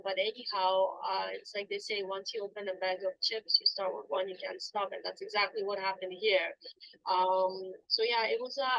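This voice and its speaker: A woman talks about her coaching work in a halting way, pausing and restarting often. Her voice is bright and forceful. The sound is dull and lo-fi, with a dry, close feel. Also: mid-range voice, dry recording. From Poland. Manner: hesitant, many ums and restarts. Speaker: guest author and coach. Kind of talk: casual interview answers.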